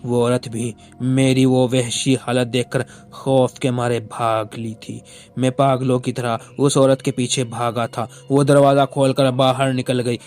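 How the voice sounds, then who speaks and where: A man's voice: medium pitch, little pitch movement, unhurried, darkish tone, soft background music, lightly acted. A man voicing a weeping, guilt-ridden old ghost. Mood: remorseful. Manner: tearful, confessing. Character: remorseful murderous male ghost, centuries old.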